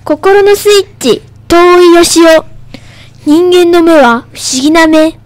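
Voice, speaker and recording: A woman's voice: very high voice, slow pace, no room sound. A young girl, a radio guest, carefully reading a school poem aloud, a little nervous.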